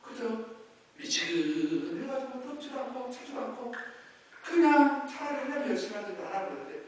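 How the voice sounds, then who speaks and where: A man preaching a sermon as pastor, animated and swinging from soft asides to shouts. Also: very high-pitched, moderate pace. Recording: roomy echo, from far off, hiss.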